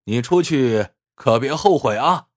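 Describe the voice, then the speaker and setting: A man's voice: lowish voice, sing-song, a little slow, a bit bright, slightly rough, no echo, studio quality, exaggerated voice. A man voicing a sly, scheming fake Taoist priest who talks in a mocking, sing-song way.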